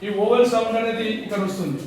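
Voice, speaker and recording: High-pitched teacher guy, repeats everything, asks himself questions, really echoey room. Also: fast talker, a little mellow, distant mic, slight background noise. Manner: repetitive, asks and answers his own questions. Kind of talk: classroom lesson.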